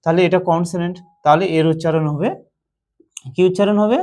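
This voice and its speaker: A man teaching English pronunciation in a slow lesson, with a Bengali accent, repeating himself and asking and answering his own questions. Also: fairly high pitch, steady tone, a little mellow.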